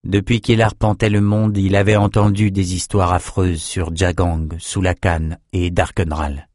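Low-voiced male audiobook narrator. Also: level tone, unhurried, darkish tone, no echo, studio quality. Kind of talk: scripted narration.

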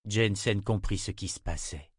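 A man with a fairly low voice reads a fantasy audiobook in a steady, measured tone. The sound is dry and close, with no room around it. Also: slightly rough, dry recording. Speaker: narrator. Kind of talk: audiobook narration.

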